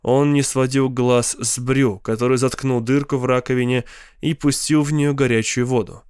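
A man narrating a novel in a measured, unhurried way on a close studio mic. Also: medium pitch, fairly even intonation, a little mellow, clean tone, no room sound. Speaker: audiobook narrator. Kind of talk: scripted narration.

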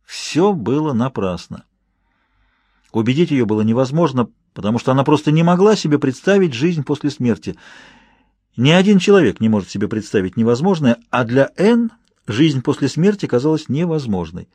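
A man narrating an audiobook in the first person, in a calm, measured reading. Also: medium pitch, breathy edge, no echo.

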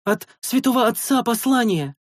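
A man voicing a skinny, excitable teenage boy, a church novice, who calls out eagerly. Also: very high-pitched, normal speed, no echo, clean studio sound, pitched above the performer's own voice. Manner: eager, shouting.

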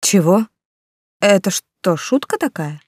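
A woman voicing a hot-tempered young man who argues loudly in blunt slangy speech, jilted by his lover. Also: mid-range voice, expressive, takes it slowly, no echo, clean studio sound. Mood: incredulous, angry.

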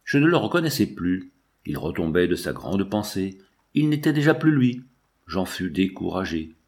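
Low-voiced male audiobook narrator. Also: very animated, normal speed, a little mellow.

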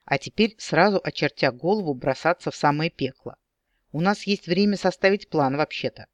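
A man's voice: a little high, moderate pace, no echo, close to an everyday voice. A man voicing a stubborn, prickly young woman elf agent in an audiobook, talking sharply and arguing. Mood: indignant.

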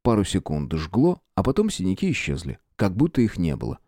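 A man's voice: low voice, fairly quick, dry recording, studio quality. A man narrating a fantasy audiobook in the first person, expressively. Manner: expressive storytelling. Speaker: audiobook reader.

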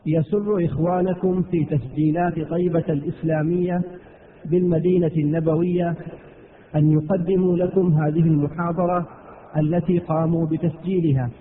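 Male announcer, formal standard Arabic introduction, measured and flat in melody, long reverb. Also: on the high side. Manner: measured, formal classical diction. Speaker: announcer introducing a recorded lecture. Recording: phone-like thin sound, long reverb.

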